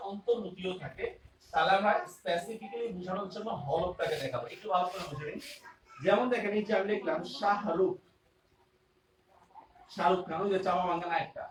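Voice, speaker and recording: A man teaches a grammar class in a fairly high voice, repeating each term and checking often that the students follow. He sits some way from the mic in a roomy space. Faint ambient noise runs underneath. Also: far from the mic.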